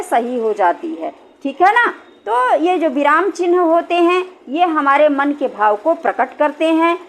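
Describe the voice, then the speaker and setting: A woman's voice: sits high, a bit bright. A woman teacher explaining a grammar lesson, patient and repetitive, often checking that her students follow along. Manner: patient, repeats points and checks with "thik hai".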